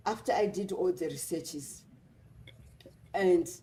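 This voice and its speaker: A woman's voice: fairly low pitch, slow pace, warm tone, rough recording. A woman from Zimbabwe speaking earnestly as a guest on a livestream panel, in a repetitive, motivational way. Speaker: guest speaker, nurse and business mentor.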